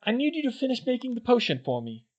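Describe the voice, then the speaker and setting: A man's voice: huge pitch swings, fast, full character voice. Hermione, a man doing a bookish schoolgirl witch. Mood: frightened, pleading. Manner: high, earnest, tearful pleading. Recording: dull lo-fi recording.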